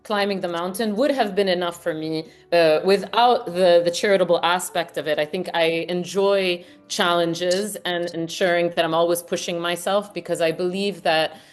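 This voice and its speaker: A woman's voice: lowish voice, steady tone, moderate pace, hardly any pauses. A woman in her forties from Lebanon, raised partly in the US, speaking earnestly as an interview guest, often restarting her phrases. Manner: earnest, reflective, with frequent restarts. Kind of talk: casual interview chat.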